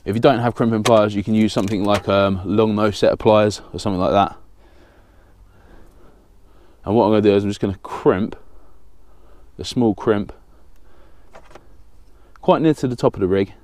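He's a man in his thirties from southern England, presenting a fishing channel from a small indoor studio with a banner behind him. His lowish, darkish voice moves at normal speed with frequent pauses, recorded dry, as he works with his hands and explains a rig step by step in a practical, no-frills way.

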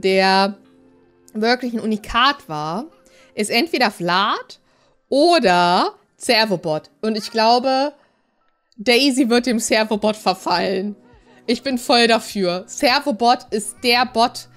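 A woman's voice: mid-range voice, a bit bright. A woman giving casual let's-play commentary, bossily talking to and scolding her game characters. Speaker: gaming streamer. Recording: faint game music behind.

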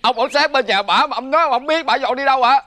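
A man's voice: extremely high pitch, fast talker, bright, forceful tone. An actor playing a distraught older man who wails and pleads in tears, searching for a missing woman. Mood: pleading. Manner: wailing, pleading, tearful. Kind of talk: comedy drama acting.

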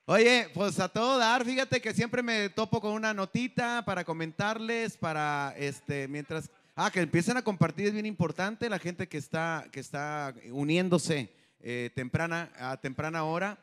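High-voiced guy doing stand-up, lots of slang, laughs at his own jokes. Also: normal speed, a bit bright. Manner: crude slang-heavy storytelling, acts out characters. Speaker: comedian host. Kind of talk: live stand-up storytelling.

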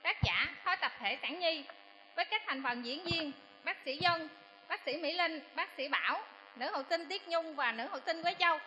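A woman's voice: high-pitched, expressive, moderate pace, pushed and bright, lo-fi sound, slight background noise. A woman formally announcing a stage skit at a hospital contest, in a ceremonious address.

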